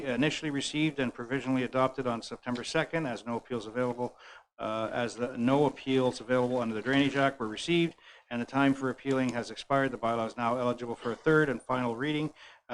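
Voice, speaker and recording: A man chairing a town council meeting, running through motions briskly with fillers and restarts. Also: medium pitch, a bit bright, low-quality recording.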